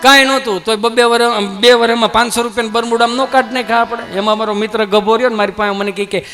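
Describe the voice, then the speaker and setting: A man's voice: very high-pitched, steady tone, fast, sharp tone, soft background music. A man performing a live stand-up comedy routine, chatty and acting out little dialogues.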